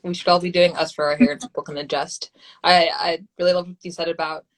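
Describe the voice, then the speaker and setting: Woman host of an audio call; lowish voice, friendly questioner. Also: flat delivery, quick pace, low-quality recording. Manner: friendly, introduces guests and asks questions. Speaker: host and moderator. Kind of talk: hosting a live audio chat.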